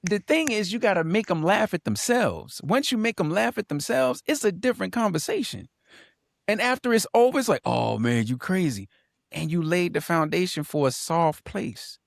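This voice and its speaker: A man's voice: high voice, sing-song, normal speed, gravelly, dry recording, studio quality. A man co-hosting a casual podcast panel, talking emphatically, repeating lines for punch and reading viewer comments aloud. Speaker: podcast co-host.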